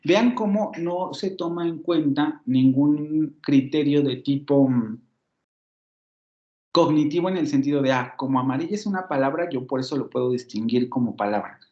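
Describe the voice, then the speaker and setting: A man's voice: on the high side, moderate pace, darkish tone. A Mexican man teaching a university phonetics class, explaining patiently, repeating words and correcting himself as he goes. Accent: Mexican Spanish. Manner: patient, repeats and self-corrects, fillers like "ujú". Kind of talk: online lecture explaining on slides. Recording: slightly muffled lo-fi recording.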